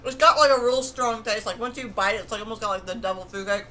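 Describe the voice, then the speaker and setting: A woman's voice: medium pitch, fast, sharp tone. A woman hosting a casual taste-test vlog, talking while chewing and chatting with lots of "like" fillers. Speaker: vlog host. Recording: clear background noise.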